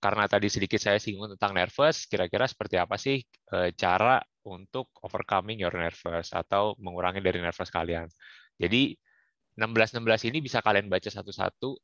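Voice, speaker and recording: Young male speaker, deep voice, casual advice delivered with frequent fillers; dry, dull recording. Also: fairly bright tone, no room sound. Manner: casual, with frequent fillers and English career terms. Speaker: guest speaker. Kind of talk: online career talk. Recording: muffled, dry, lo-fi.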